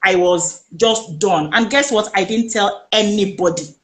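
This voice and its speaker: A woman with a Nigerian accent, a guest telling her personal story in an interview, animated and emphatic, acting out the voices of the people she quotes. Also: medium pitch, unhurried, reverberant, slight background noise. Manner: animated, emphatic retelling that acts out quoted speech.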